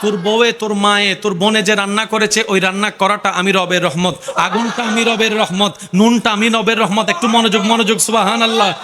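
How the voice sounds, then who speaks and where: A man preaching a sermon to a crowd, often shouting and calling on the listeners to answer him. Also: steady tone, a little fast, background noise. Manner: calls on the crowd to respond; often shouts in a high, strained pitch.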